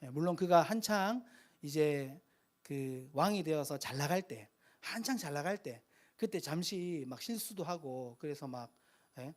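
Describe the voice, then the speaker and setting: A man's voice: on the high side, lively intonation, measured pace. A man giving a chatty, conversational sermon at a live worship meeting, stopping to correct himself and laughing at his own slips.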